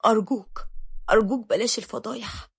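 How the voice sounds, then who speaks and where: A woman's voice: on the high side, fast, vocal fry, husky, exaggerated voice. A woman voicing a frightened young wife who pleads desperately. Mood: pleading.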